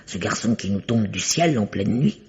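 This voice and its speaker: In an old French radio mystery, an actress plays a prim, suspicious, secretive spinster landlady with hesitant, formal politeness. Her bass voice is expressive and darkish in tone, at a moderate pace, and the mood is suspicious and conspiratorial. The vintage radio recording sounds dull and band-limited.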